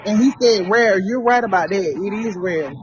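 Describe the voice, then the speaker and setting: A man calling in to a live stream, talking in a relaxed and agreeable way. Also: sits high, moderate pace, dull audio, slight background noise. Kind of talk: casual call-in chat.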